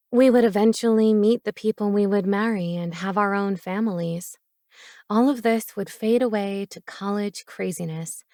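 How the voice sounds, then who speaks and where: A woman giving first-person romance audiobook narration in an even, measured way. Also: medium pitch, no echo, studio quality.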